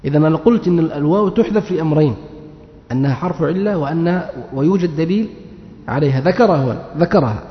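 Speaking fast in a fairly high voice, a man runs a classroom grammar lesson where he asks questions, answers them on his own, and repeats key terms. The audio is muffled and echoes like a hall.

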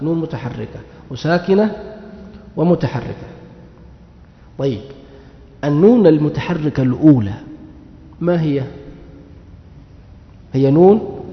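A man teaching a grammar lesson, asking questions and answering them himself, repeating key words. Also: a little high. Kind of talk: classroom lesson. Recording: muffled echoey hall recording.

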